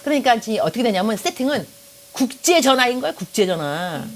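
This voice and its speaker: A middle-aged South Korean woman pastor preaches a sermon in lively storytelling style, joking and speaking straight to her congregation. Her voice is a little high and a little fast.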